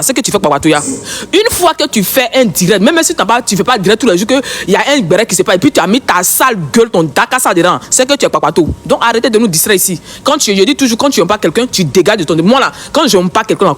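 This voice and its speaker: A woman with an Ivorian French accent hosting a live stream from home on her phone, scolding her viewers in a combative, repetitive rant. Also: mid-range voice. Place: home, early morning.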